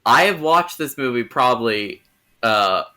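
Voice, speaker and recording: A young man hosts a casual film review chat. He rambles and hedges, often restarting his sentences. His voice is bright and forward. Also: medium pitch, lively intonation, a little slow. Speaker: host.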